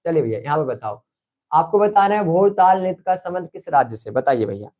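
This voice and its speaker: High-voiced man coaxing a live class. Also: sing-song, a little fast, darkish tone. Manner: coaxing, repetitive, calls students brother. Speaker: online exam-prep teacher. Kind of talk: live online class quiz.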